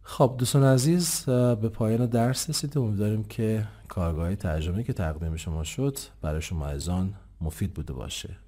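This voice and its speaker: Man, language teacher, low voice, warm tone, patient explanations, slow and careful English examples. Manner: explains patiently, asks himself questions and answers them; says English examples slowly and clearly. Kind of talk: online English lesson.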